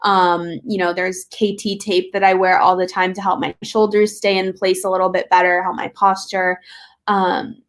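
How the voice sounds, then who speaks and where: A woman's voice: fairly low pitch, little pitch movement, normal speed. Young woman speaking candidly as a guest. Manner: open, reflective, laughs now and then, casual swearing. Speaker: podcast guest. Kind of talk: candid conversational interview.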